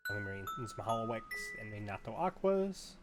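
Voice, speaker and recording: A man's voice: on the low side, sing-song, fast talker, music in the background. A man hosting a card-opening video, talking in a casual, rambling way, stammering and laughing to himself as he sorts cards. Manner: rambling, self-mocking, laughs and stammers while sorting cards. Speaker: card-opening channel host. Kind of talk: casual unboxing commentary.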